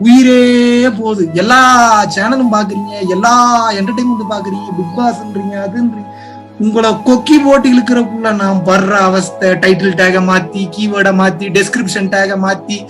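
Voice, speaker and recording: A man giving an impassioned spiritual talk, pleading with listeners through rhetorical questions and swinging between loud urging and quiet asides. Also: high-pitched. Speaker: spiritual teacher.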